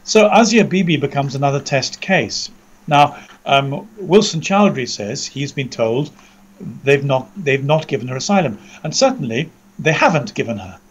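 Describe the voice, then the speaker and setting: A man with an English accent giving conversational news commentary over an internet call, measured and articulate, often repeating words as he searches for the next. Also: mid-range voice, very animated, husky. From Britain. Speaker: commentator, co-presenter. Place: indoors under a roof, remote audio call.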